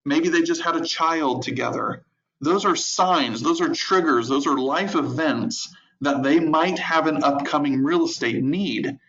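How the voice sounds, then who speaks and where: Guy coaching realtors over a video call, chatty and lively, kinda high voice, muffled lo-fi sound. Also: unhurried. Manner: animated, conversational, repeats words, laughs often. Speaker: real estate coach. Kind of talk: virtual training lecture. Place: home office at a desk. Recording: dull lo-fi audio.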